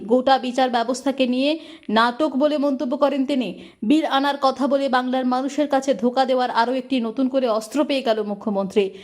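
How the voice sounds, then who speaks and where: A woman reads the news in a formal, steady manner. Her voice sits fairly high and is delivered as scripted narration. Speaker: news anchor.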